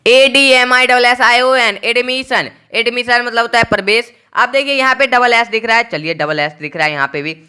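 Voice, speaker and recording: A man teaching a pronunciation lesson, spelling out letters slowly and repeating each point. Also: very high-pitched, pushed and bright, clean tone.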